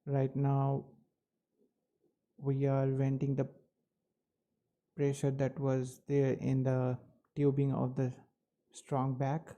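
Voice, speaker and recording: A man giving live technical commentary as a launch webcast host, with halting, measured phrasing. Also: medium pitch, monotone, dark tone.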